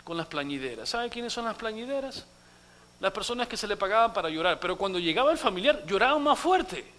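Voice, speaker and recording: High, bright-voiced pastor preaching. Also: male voice, big pitch swings, a little fast. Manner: dramatic, acts out quotes, swings from loud to hushed. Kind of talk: sermon. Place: church.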